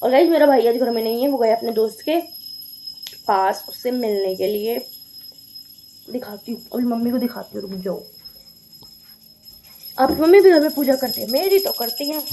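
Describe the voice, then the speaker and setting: A teenage girl talks straight to her phone camera in a casual home vlog. Her voice sits high, and she keeps things chatty and giggly, playfully protesting to her mother. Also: lively intonation, normal speed, pauses often, dark tone, a little hiss or hum. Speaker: vlogger. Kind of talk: casual family vlog chat.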